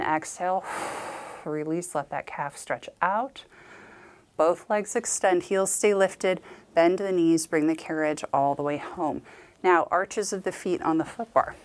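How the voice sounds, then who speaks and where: A woman Pilates instructor guides a workout, cueing moves and counting down reps while exercising along, her voice on the low side.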